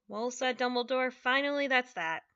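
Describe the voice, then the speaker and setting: This is a stern, no-nonsense older witch professor, as a woman reader puts her on in a storybook reading. She scolds in clipped, hushed tones, and her voice is bright and sharp. The recording is dull and lo-fi. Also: high voice, moderate pace, smooth, no room sound. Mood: brisk.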